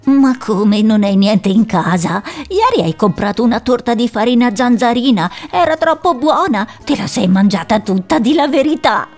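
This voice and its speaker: A woman's voice: fairly high pitch, expressive, moderate pace, hardly any pauses, a little mellow, soft background music. A woman voicing a playful male mouse baker who teases a customer. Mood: teasing. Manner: teasing, playful.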